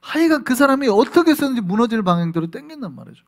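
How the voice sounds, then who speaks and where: A male pastor preaching a sermon in an animated way, acting out little scenes and putting rhetorical questions to the congregation. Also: very high-pitched, rapid-fire.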